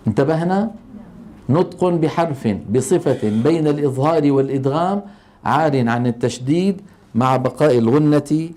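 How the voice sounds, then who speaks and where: Mellow-voiced man teaching tajweed. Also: fairly high pitch. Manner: asks the class questions and answers them himself; demonstrates sounds slowly and drawn out. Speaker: Quran recitation teacher. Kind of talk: classroom lesson on tajweed.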